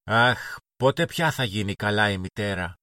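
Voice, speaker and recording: A man's voice: mid-range voice, lively intonation, fairly bright tone, dry recording, clean studio sound, lightly acted. A man voicing a strict, bossy older girl in a children's storybook reading, scolding her younger siblings. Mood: earnest. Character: bossy older girl, stern big sister.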